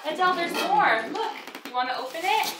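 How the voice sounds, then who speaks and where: A young woman talks to her little one in a bright, doting sing-song, full of praise. She is well up in her range and sounds a few steps away from the phone. The home room rings around her, with clear background noise. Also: very high-pitched, expressive, a little fast. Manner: gushing, affectionate baby talk. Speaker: mother filming her toddler. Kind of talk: casual home video chat with a child. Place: home, indoors. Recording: echoey home video from a distance, noisy.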